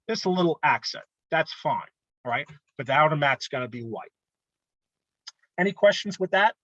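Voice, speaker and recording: A man's voice: mid-range voice, a bit bright, dry recording, dull audio. Man casually explaining, checking in with "okay?". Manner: conversational, frequent "okay?" check-ins. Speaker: art club presenter. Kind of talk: casual instructional talk.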